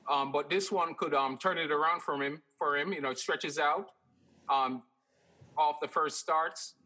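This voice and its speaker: A man's voice: fairly high pitch, unhurried, rough recording. A man from Jamaica who grew up in New York, talking horse-race picks casually with many hesitations. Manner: relaxed, hesitant with many ums. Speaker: guest handicapper. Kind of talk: casual conversation.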